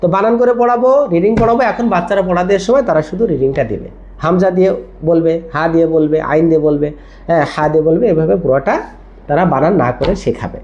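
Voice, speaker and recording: A Quran teacher, giving a tajweed lesson. The teacher spells words out letter by letter and then drills them slowly. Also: medium pitch, a little mellow. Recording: dull lo-fi recording.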